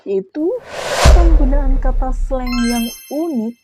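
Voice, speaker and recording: A woman's voice: high-pitched, slow, loud music behind the voice, low-quality recording. A woman reading out a prepared class presentation, explaining step by step with brief asides to her listeners. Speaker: student presenter.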